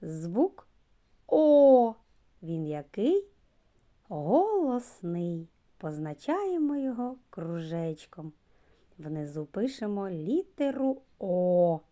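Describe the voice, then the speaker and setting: A woman preschool teacher giving a slow literacy lesson to young children, stretching out sounds and key words. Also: on the low side, very animated, mellow. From Ukraine.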